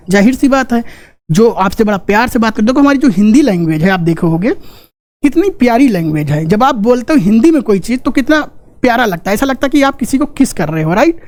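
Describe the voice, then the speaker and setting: A man's voice: very high-pitched, a little mellow. A man teaching a casual exam-prep class with memory tricks, joking, chatty and repeating key points. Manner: joking, chatty, asks rhetorical questions.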